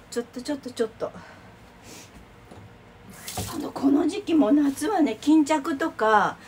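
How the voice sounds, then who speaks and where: A middle-aged woman chatting away while she cooks lunch boxes in her home kitchen, rambling, exclaiming and laughing as she works. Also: sits high. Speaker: vlogger cooking lunch boxes. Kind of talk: casual chat while cooking. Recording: distant mic, clear kitchen noise.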